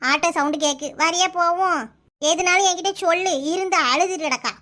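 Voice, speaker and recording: A woman's voice: extremely high pitch, brisk, pushed and bright. A woman voicing a kindly older village woman in a cartoon, talking at length to scold and reassure, with a Kanyakumari Tamil accent. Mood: bossy.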